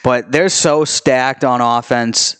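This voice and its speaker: A man's voice: mid-range voice, takes it slowly, fairly bright tone, clean tone, no room sound. A man co-hosting a casual sports chat, talking in an informal, slangy way. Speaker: podcast co-host.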